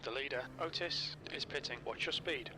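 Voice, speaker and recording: A man plays a race engineer who barks terse, clipped pit radio calls at a middling pitch. The loud roar of a racing engine sits under every word of this game audio. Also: moderate pace, very noisy, natural voice. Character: adult male race engineer calling terse pit info. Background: racing car engine.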